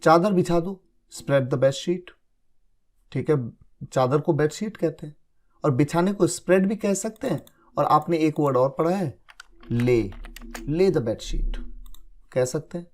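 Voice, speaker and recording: A male English teacher with a high, bright-sounding voice talks through example sentences one by one. He explains patiently, keeps checking that his students follow, and reads the English phrases slowly and deliberately. His pitch swings up and down a great deal as he talks. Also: lively intonation. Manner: explains patiently, checks understanding with repeated confirmations. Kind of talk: spoken English lesson in Hindi.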